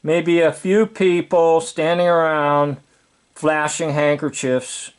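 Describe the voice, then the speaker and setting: An older American man offers casual, opinionated commentary, sardonic and deliberate and packed with rhetorical questions. His voice sits on the high side.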